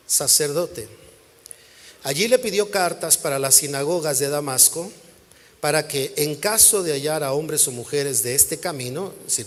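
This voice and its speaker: A male pastor preaching a sermon, asking the congregation questions and acting out quoted voices. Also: a little high. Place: church hall. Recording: long church hall reverb.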